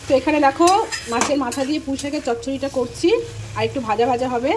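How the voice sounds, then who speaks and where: A woman vlogging casually from her home, chatting to viewers and scolding her daughter, her throat a little hoarse. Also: high voice, fairly even intonation, fast, background noise. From Bengal. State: throat slightly hoarse lately. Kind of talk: casual home vlog chat. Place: home kitchen and bedroom.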